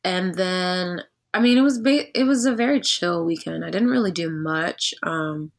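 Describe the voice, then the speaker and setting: A woman's voice: on the low side, moderate pace. A young woman hosting a podcast in casual chat, upbeat and slangy. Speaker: podcast host.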